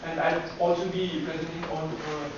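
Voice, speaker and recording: A man from Nepal representing an engineering company, giving a hesitant short conference pitch with many filler sounds. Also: fairly even intonation, normal speed. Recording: echoey hall, far from mic, dull, loud noise.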